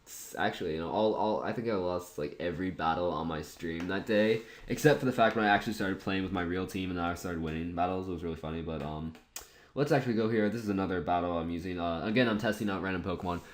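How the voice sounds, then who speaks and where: A man's voice: low voice, fast talker. A man giving casual commentary over an online game battle, thinking aloud in a chatty, self-mocking way. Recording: roomy echoey room.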